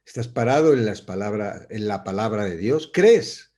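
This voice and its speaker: A man teaching a Bible study in a conversational, reflective way, often pausing and restarting as he searches for words. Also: on the low side, expressive, dark tone.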